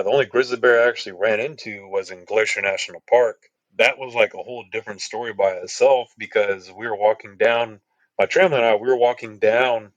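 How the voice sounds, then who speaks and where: A podcast features a deep-voiced Texas man rambling through casual trail stories, heavy on fillers and asides. There's no room sound, and the highs are cut off.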